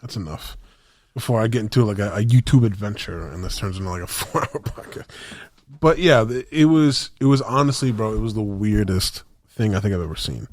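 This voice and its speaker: A man's voice: on the low side, lively intonation, brisk. A young man on a podcast, telling a story in rambling, slangy casual chat with lots of restarts. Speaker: podcast co-host.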